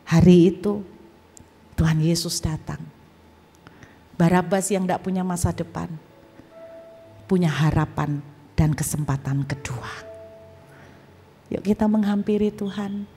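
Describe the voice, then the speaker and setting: A woman guest preacher telling a personal testimony in a sermon, animated and humorous, with casual colloquial asides. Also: fairly low pitch, a little slow, long pauses, soft background music. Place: church auditorium. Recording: long church hall reverb.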